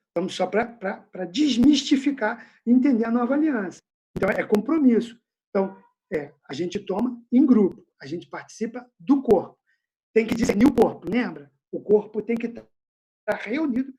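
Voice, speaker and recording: A man's voice: high voice, mellow. A male pastor leading an informal Bible study question-and-answer session over a video call from home, talking in a casual, slangy, conversational way.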